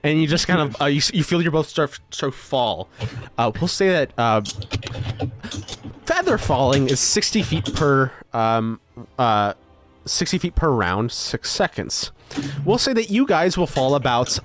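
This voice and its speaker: A man running a tabletop game as game master, narrating in a loose, rambling way full of ums and likes. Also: medium pitch.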